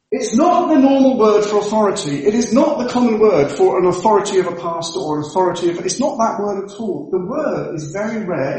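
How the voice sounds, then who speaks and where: In a very echoey church hall, a male pastor with a high-pitched, darkish voice delivers a sermon. He explains emphatically and keeps repeating his key points.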